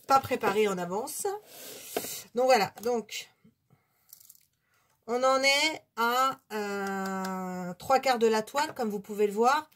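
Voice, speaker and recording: A woman's voice: fairly high pitch, slow, long pauses, a bit bright. Chatty woman hosting a hobby vlog. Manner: chatty, hesitant, many fillers. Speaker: hobby channel host. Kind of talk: casual unscripted product review.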